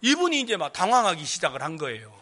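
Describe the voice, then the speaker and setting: High, lively-voiced preaching man. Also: quick pace. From Jeolla, South Korea. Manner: animated storytelling, acting out quoted speech, questioning the congregation. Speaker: pastor. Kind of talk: sermon.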